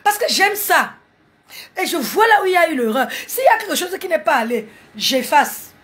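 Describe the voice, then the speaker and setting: A woman's voice: extremely high pitch, big pitch swings, moderate pace, a bit bright. A woman, mocking and scolding viewers in a heated live stream on her phone. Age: 40s.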